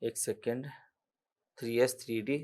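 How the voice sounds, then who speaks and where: A man's voice: medium pitch, flat delivery, unhurried, a little mellow. A man with a Rajasthani accent teaching an exam-prep chemistry lecture, explaining step by step, counting aloud and correcting himself as he writes on the board.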